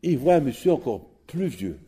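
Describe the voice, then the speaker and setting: A male preacher telling a story in a sermon, lively and repeating his key points. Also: medium pitch, moderate pace, slightly rough. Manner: animated storyteller who repeats key words.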